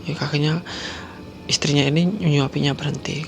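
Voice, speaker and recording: A man's voice: on the high side, steady tone, normal speed, creaky, noisy background. A man telling a horror story and talking directly to his listeners, often dropping to a whisper. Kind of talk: spoken horror story narration.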